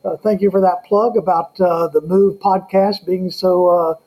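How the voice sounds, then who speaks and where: A man with a Southern US accent speaks in a high, mellow voice. He gives conversational answers as an interview guest, often pausing and hesitating as he goes. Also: steady tone, rough recording. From Southern United States. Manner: halting, with frequent hesitations. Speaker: guest, Salvation Army colonel.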